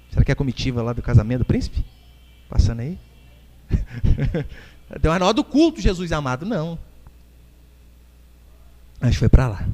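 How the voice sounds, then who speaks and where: A man with a Brazilian Portuguese accent preaching a sermon as pastor, joking and acting out little scenes as he goes. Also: on the high side. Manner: animated preaching with jokes and acted-out quotes. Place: church hall. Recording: echoey church hall.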